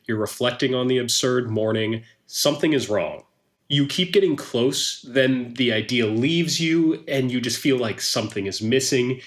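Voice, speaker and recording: A man's voice: medium pitch, moderate pace. A man narrating a tabletop game as game master, describing scenes in the second person.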